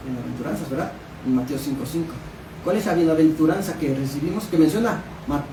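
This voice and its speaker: A man preaching a Bible study, reading verses aloud and quizzing his listeners. His voice sits a little high for a man. He is recorded from a distance in a reverberant church room, with noise running underneath. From Mexico. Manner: questioning the congregation, reading scripture aloud. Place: church hall. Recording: echoey room, distant mic, background noise.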